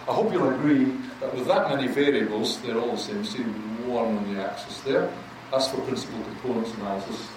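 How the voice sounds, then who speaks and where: An older Scottish man with a lowish voice, a guest lecturer, gives a chatty, self-deprecating university lecture and repeats words often. He speaks in a large lecture hall into a handheld mic heard from afar, leaving the recording echoey with faint noise.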